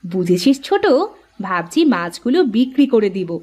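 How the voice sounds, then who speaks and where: A woman's voice: mid-range voice, animated, normal speed, mellow, natural voice. A woman voicing an elder village sister who takes charge of her younger sister. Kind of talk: cartoon voice acting.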